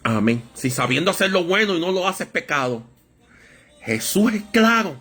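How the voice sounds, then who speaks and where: A man preaching a Bible study sermon, with a lively storytelling manner that acts out voices in anecdotes. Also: sits high, normal speed, faint music behind.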